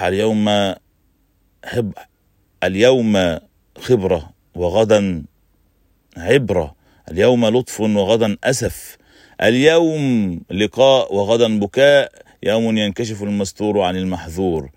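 A man's voice: on the low side, measured pace, pauses often, darkish tone, no room sound, clean studio sound, close to an everyday voice. A man voicing a solemn old prophet. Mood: solemn warning. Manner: solemn rhythmic rhymed warnings. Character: patient elderly male prophet warning mockers.

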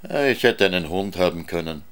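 A man's voice: sits low, expressive, fairly quick, a bit bright. A man reading a storybook aloud, voicing a lonely, stubborn orphaned boy who talks in an insistent, defiant way.

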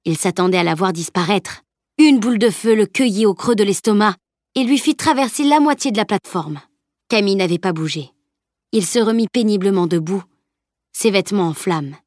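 A woman's voice: mid-range voice, expressive, a little fast, a little mellow, no room sound, clean studio sound. A woman narrating an audiobook with a tense, dramatic reading.

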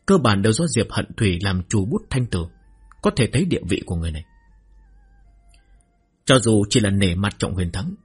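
A man narrating a martial fantasy novel as an audiobook, in an even, steady storytelling manner. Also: on the low side, breathy edge. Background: faint background music.

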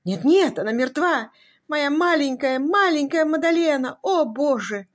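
A woman's voice: a little high, fairly quick, close to an everyday voice. A woman voicing a frantic, grief-stricken husband who cries out his pleas in an audiobook reading. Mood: hysterical. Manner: shrieking, sobbing pleas. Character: frantic grieving tall husband, hysterical.

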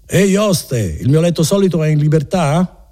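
A man's voice: a little high, expressive, moderate pace, mellow, voice pushed up, natural voice. A man voicing a cheerful, worldly merchant who greets old acquaintances heartily, in an audiobook reading. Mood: hearty.

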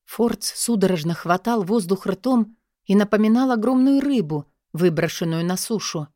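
A woman narrating an audiobook in the first person with an even, expressive reading. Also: mid-range voice, normal speed, no room sound, clean studio sound.

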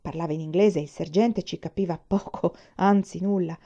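A woman reading a novel aloud at a steady, measured pace. Her voice is mellow and warm, and the recording is dull and muffled. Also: lowish voice. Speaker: audiobook reader.

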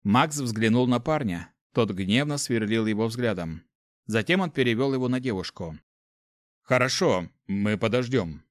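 A man narrating an audiobook in a lively, expressive way. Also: medium pitch, moderate pace, no echo, studio quality. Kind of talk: scripted narration.

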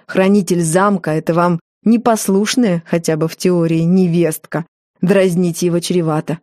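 A woman narrating a first-person audiobook in a wry, lively storytelling manner. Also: lowish voice, dry recording, clean studio sound.

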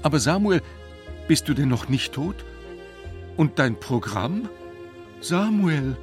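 A man's voice: fairly high pitch, sing-song, takes it slowly, faint music behind, voice pushed up. A man voicing a melodramatic elderly wife who shrieks and sobs in lament. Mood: shrieking. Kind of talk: story reading on radio.

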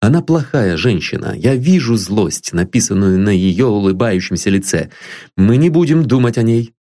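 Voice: medium pitch, expressive, moderate pace, warm tone, close to an everyday voice. A reader voicing an earnest, tender young man in an audiobook. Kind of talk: audiobook reading.

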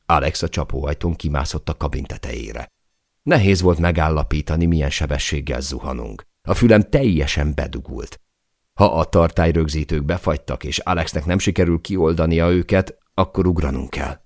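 A man's voice: a bass voice, gravelly, dry recording. A man reading an audiobook in a dramatic style, recorded close in a studio. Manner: dramatic reading, shouting out the quoted cries. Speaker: audiobook narrator. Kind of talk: scripted audiobook narration.

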